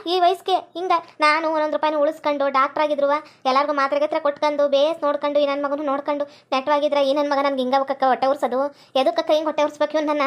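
A woman's voice: sits high, lightly acted. Woman playing a wailing forties village mother. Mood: furious. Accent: North Karnataka Kannada. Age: 40s. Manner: wailing, scolding, repeated rhetorical questions. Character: distraught middle-aged village nurse-mother, furious at her son. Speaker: actress in a village skit.

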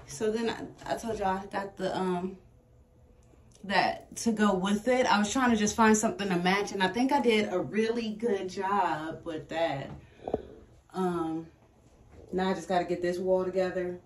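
A woman's voice: medium pitch, fairly even intonation, unhurried, slight background noise. A young woman chatting casually to her vlog camera, talkative and loose, filling her sentences with "like" and "y'all". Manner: chatty, says "like" and "y'all" a lot. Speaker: vlogger. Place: apartment at home, then a store.

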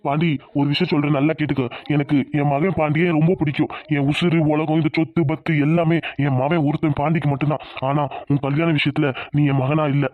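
A proud village patriarch from a cartoon, voiced by a man, stern and commanding, pitched a bit high and speaking fast. The audio is dull and lo-fi. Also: level tone, natural voice. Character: proud stern village father, middle-aged. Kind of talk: cartoon dubbing.

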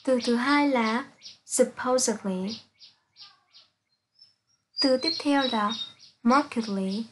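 Female english teacher, slow and careful delivery, fairly high voice, spells out sounds one by one. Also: steady tone, background noise. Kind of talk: pronunciation lesson for students.

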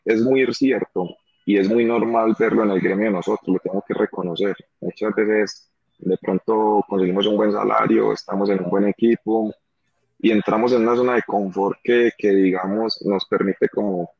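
A man's voice: lowish voice, vocal fry, breathy edge, no echo. A man in his thirties with a Colombian accent, an athlete speaking earnestly as an interview guest and repeating phrases for emphasis. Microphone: phone or webcam on a video call. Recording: dull lo-fi video call audio.

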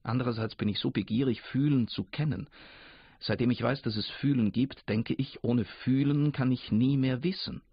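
Male reader doing eager, curious personified Thinking, husky, dry close sound. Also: mid-range voice, normal speed, no echo. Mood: eager, insistent. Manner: eager, insistent. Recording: dull lo-fi radio recording.

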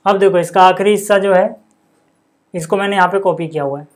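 A man's voice: sits high, brisk. Man talking through maths steps. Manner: quizzes the viewer then answers himself, with "ठीक है" and "यार"; reads out numbers and steps one by one. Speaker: maths teacher. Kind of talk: step-by-step board lesson.

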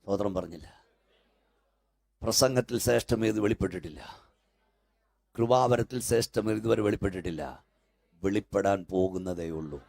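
Fervent gravelly older male preacher. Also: fairly low pitch, moderate pace, pauses often. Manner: fervent, repetitive calls that build to shouting. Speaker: pastor. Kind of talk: sermon. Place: church hall.

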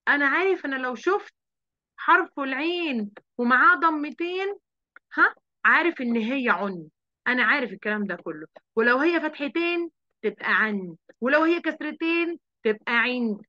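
A woman voicing an impatient schoolboy who pushes his teacher with fast, insistent questions. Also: high-pitched, lively intonation, bright, forceful tone, muffled recording.

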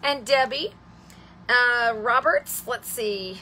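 The host of a live craft stamping show talks to her viewers by name, calling them honey and sweetheart, and rambles with lots of ums and restarts. She speaks slowly in a fairly high, bright, forceful voice.

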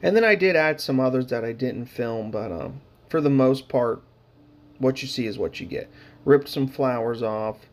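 A man's voice: medium pitch, normal speed. A man casually narrating his hobby painting footage, rambling with lots of fillers and dry, sarcastic humor.

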